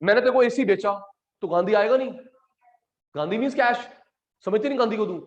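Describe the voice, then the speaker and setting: This Indian-accented online instructor is animated and teasing, sprinkling English terms through his Hindi. His voice sits high and his pace is brisk, though the recording is muffled.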